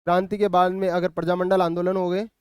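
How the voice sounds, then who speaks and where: A man teaching an exam-prep lecture in a high, clear, resonant voice. He explains the syllabus patiently, pausing on fillers and asking if students follow. The sound is dry and close. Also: little pitch movement, no room sound. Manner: explains patiently, often checks in with "ठीक है ना"; thinks aloud with hesitant fillers and restarts.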